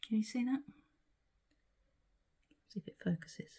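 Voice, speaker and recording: A middle-aged woman who makes resin art videos chats casually through a craft demo, giggling and easily delighted as her voice gives out. Her voice is a little high, dark, husky and whispered, and she takes her time.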